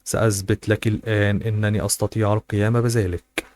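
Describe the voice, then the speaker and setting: A man voicing a calm, confident young husband in a novel he reads aloud, in a quiet manner. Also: lowish voice, quick pace, lightly acted.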